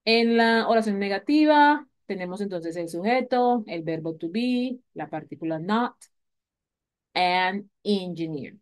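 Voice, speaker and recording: A woman's voice: lowish voice, a little mellow. Patient woman teaching English grammar. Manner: patient, repeats key points, asks "¿vale?" often. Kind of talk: recorded class lecture.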